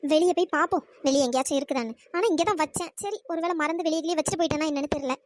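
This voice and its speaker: A defiant young cartoon woman, put on by the channel's performer who snaps back at every accusation. Her voice is squeaky-high and rushed, recorded dry and close. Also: no room sound, natural voice. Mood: puzzled. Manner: snapping back, indignant. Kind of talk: cartoon story voice acting.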